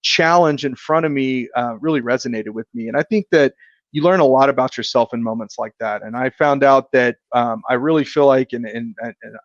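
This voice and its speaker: A man speaking as a guest in a casual podcast chat, earnest and reflective, choosing his words deliberately. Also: medium pitch, no echo, dull audio. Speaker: podcast guest, insurance agent.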